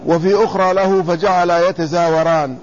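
A man's voice: sits high, little pitch movement. Man teaching from a classical text. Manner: reads quoted commentary, then explains it slowly and repeats words to spell out vowels. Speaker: teacher explaining hadith commentary. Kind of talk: classical Arabic lesson reading and explaining a text. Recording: slightly dull lo-fi recording with faint room noise.

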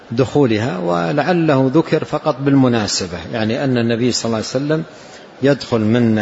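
A man teaching a religious lesson, explaining hadith in a measured way and repeating key phrases as he goes. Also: mid-range voice, a little mellow, muffled recording, slight background noise.

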